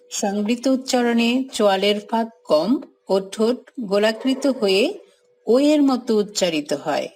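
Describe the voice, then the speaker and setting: A woman's voice: mid-range voice, a little mellow, low-quality recording. A woman with a Bangladeshi Bengali accent teaching a grammar lesson, spelling words out letter by letter and repeating each point. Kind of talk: grammar lesson, slow explanation.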